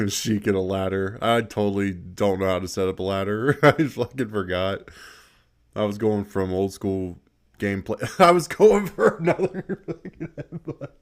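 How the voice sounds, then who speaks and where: Low-voiced guy rambling over gameplay, cussing constantly, laughing, restarting his sentences. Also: expressive, measured pace. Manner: profane, laughing often. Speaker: gaming video creator. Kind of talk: casual gameplay commentary.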